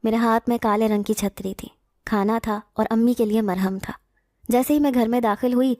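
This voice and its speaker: A woman narrating a first-person horror story in a steady storytelling manner. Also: on the high side, dry recording, studio quality.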